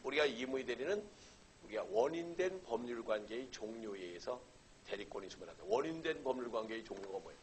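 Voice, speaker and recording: A middle-aged man teaches a law class with a voice of ordinary pitch. He keeps asking the class questions, then answers them himself and checks that everyone follows. A faint background hiss runs under his voice. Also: expressive, brisk, low-quality recording. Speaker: law lecturer. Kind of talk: exam-prep lecture.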